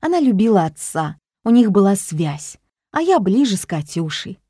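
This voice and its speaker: A woman's voice: mid-range voice, very animated, moderate pace, mellow, husky, no room sound, clean studio sound. A woman voicing a fussy, theatrical older grandmother who gasps and makes odd pronouncements, in a storybook reading. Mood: plaintive. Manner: dramatic, gasping, fond of odd pronouncements.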